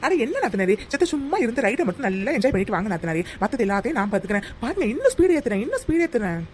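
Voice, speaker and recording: A mischievous young wife, voiced by a woman in a cartoon, talking at a rapid clip. She teases and schemes with giggly glee. A faint hiss of noise sits behind her. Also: on the high side, big pitch swings, a little mellow. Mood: teasing. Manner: teasing, fast, giggly scheming. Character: Chinnaponnu, mischievous young sister-in-law driver. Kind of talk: cartoon voice acting.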